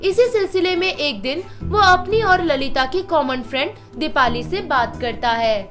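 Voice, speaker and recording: A woman's voice: high-pitched, animated, a little slow, a bit bright, faint music behind. A woman narrating a cartoon moral story in a scripted storytelling style.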